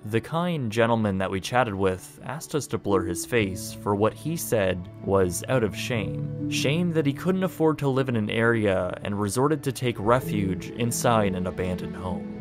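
Man, low voice, measured narration, matter-of-fact, music underneath. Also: lively intonation. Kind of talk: scripted documentary narration.

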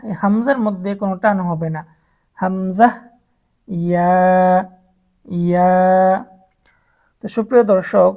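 A woman of medium pitch with a darkish tone gives a slow, step-by-step recitation lesson. Teaching adult beginners to read the Quran, she draws each letter sound out patiently and coaches her listeners to repeat after her.

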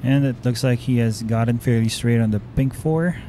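A man giving billiards commentary in a measured, explanatory play-by-play manner. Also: medium pitch, dark tone, slight background noise.

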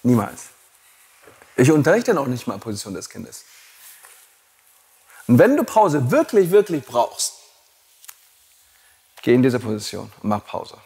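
A man's voice: mid-range voice, big pitch swings, unhurried, long pauses, darkish tone. A man teaching yoga teacher trainees in a blunt, provocative way and laughing at his own jokes. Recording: long hall reverb.

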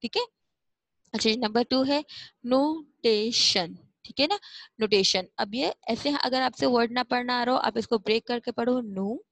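A woman teacher explaining a lesson to schoolchildren, drawing words out slowly and repeating them in a patient, coaxing way. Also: fairly high pitch, no room sound, low-quality recording. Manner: slow, repetitive, coaxing explanations. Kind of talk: classroom lesson.

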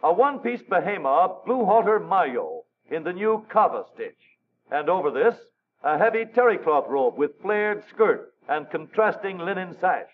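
A man's voice: high-pitched, sing-song, moderate pace, phone-quality sound. A man narrating an old newsreel in a wry, showy announcer style, heard on a scratchy 1930s newsreel soundtrack.

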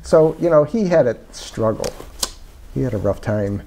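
Mellow-voiced older man, reflective author. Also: mid-range voice, expressive, moderate pace, slight background noise. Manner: reflective, meandering, lots of fillers. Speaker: author being interviewed. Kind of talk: casual conversation. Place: small parlor-style room indoors. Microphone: lapel mic.

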